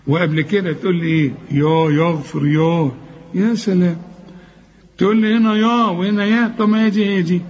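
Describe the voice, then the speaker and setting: A man's voice: sits high, steady tone, fairly quick, darkish tone, muffled recording, slight background noise. A man with an Egyptian accent teaching Quran recitation, coaxing his students and repeating words to correct their pronunciation. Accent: Egyptian Arabic. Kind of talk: tajweed lesson.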